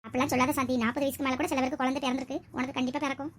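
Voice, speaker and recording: A kind but blunt young village wife, as a woman acts her out. She talks in a lively way with a high voice at a rapid pace. It is a village comedy skit. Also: a little hiss or hum, close to an everyday voice.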